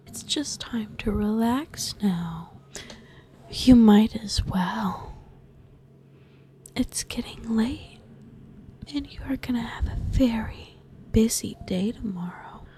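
A woman whispers close and tender in an ASMR roleplay, doting on the listener. Her pace is unhurried to the point of lingering on every word, and her whisper sits a little high. The tone stays gentle and lulling throughout. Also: slight background noise. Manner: soothing, doting.

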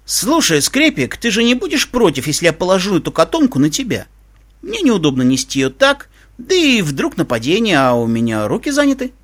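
A man's voice: high voice, wildly swooping pitch, fairly quick, a bit bright, heavily acted. A man doing a cocky, teasing soldier. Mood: casual.

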